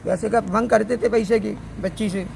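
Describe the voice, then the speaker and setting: A man's voice: high-pitched, fairly even intonation, normal speed, gravelly, darkish tone, rough recording. A man from Madhya Pradesh, the victim's brother, speaking in an agitated way in a street interview and demanding justice. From Madhya Pradesh, India. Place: outdoors by a road. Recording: outdoor street with traffic noise.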